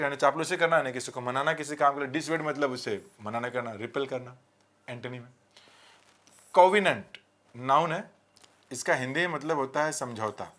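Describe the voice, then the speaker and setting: A man teaching vocabulary with memory tricks, asking rhetorical questions and repeating key words slowly. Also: fairly high pitch, fairly bright tone. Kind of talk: vocabulary lesson with mnemonics.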